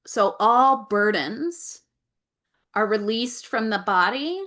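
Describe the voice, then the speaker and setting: A woman giving a channeled Akashic Records reading over a video call. She relays what her guides say, often repeats phrases and stops to ask them questions. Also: on the high side.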